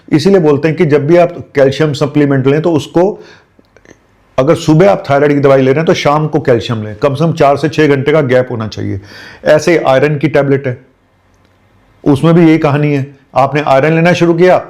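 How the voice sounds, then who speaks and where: A man's voice: a little high, darkish tone. A middle-aged man, a doctor, giving emphatic, direct health advice in a video. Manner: emphatic, pleading and direct with viewers.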